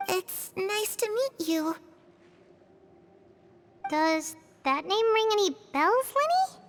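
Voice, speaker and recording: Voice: very high-pitched, lively intonation, slow, background noise, heavily acted. A sweet little orphan girl. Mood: friendly. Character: mysterious little orphan girl, gentle and friendly. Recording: game dialogue over background music.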